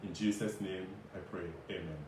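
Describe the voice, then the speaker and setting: A man singing a solemn, repetitive gospel warning in drawn-out phrases. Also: low voice, steady tone. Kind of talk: slow sung gospel refrain about judgment. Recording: very echoey, distant mic, faint noise.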